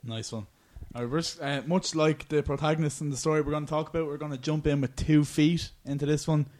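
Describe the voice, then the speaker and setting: A man's voice: on the high side, steady tone, fast talker, darkish tone. An Irish man hosting a podcast, chatting about sport in an informal, bantering way. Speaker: podcast host. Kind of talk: casual sports chat.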